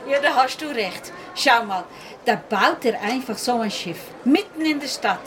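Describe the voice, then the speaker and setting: A gossiping, scornful townswoman from a kids' audio story, voiced by a woman slow and fairly high. A crowd murmurs behind her, and noise is clear. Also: animated. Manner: giggly, scornful.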